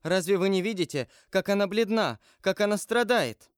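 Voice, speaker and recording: Man doing tender young woman, raised voice, earnest, pleading, audiobook, smooth, dry close recording. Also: low voice, expressive, moderate pace, dry recording, pitched above the performer's own voice. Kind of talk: audiobook character voice.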